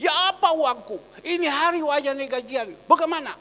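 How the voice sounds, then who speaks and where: A man voicing a rough, unschooled worker who loudly demands his wages. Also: very high voice, long reverb tail, voice pushed up, exaggerated voice. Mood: demanding. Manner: loud, blunt and hurried.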